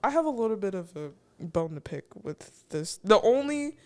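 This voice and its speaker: A woman's voice: mid-range voice, moderate pace. A teenage girl from the Chicago area, co-hosting a casual chat and acting out quotes with lots of fillers. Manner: animated, filler-heavy, acts out quotes. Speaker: co-host.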